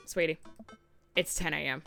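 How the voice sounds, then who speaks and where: A woman playing a gentle, wry middle-aged father in a video game read-aloud. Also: deep voice, fairly even intonation, normal speed, gravelly, soft background music, pitched below the performer's own voice, full character voice. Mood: fond. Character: fond, wry, middle-aged widowed dad.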